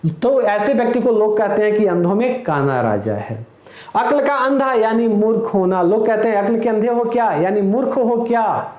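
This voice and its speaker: A man's voice: high voice, animated, normal speed, echoey room, lo-fi sound. A man teaching an exam-prep lesson, explaining each idiom with everyday example sentences and calling his viewers friends. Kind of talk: recorded lecture.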